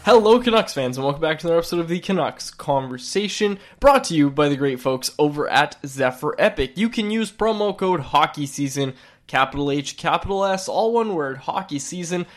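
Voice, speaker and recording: Getting over a lingering cold, this man has a stuffy, nasal voice a little higher than most men's. He co-hosts a casual sports podcast, talking quickly and excitably, often restarting sentences as he gets worked up.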